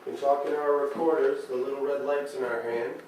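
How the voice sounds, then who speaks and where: Man calling out to spirits, echoey. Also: mid-range voice. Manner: calm, slow, coaxing addresses to spirits. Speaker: paranormal investigator. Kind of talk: ghost-hunting call-outs. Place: inside a house at night. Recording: echoey room, far-off mic, hiss.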